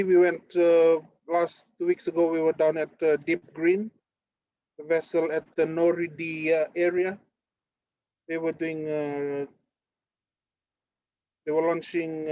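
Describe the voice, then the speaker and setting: Activist presenter, thirties; halting, filler-heavy, slightly high, dry and muffled video call sound. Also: male voice, warm tone, no room sound. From Fiji. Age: 30s. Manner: halting, many fillers and restarts. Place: on board a ship at sea.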